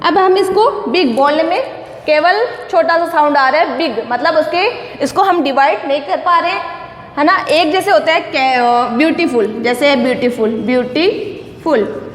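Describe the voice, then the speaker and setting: Woman, teacher, high voice, long reverb, explains step by step, asks then answers. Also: expressive, normal speed, slight background noise. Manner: asks questions and answers them herself. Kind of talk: classroom grammar lesson. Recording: echoey room with faint ambience.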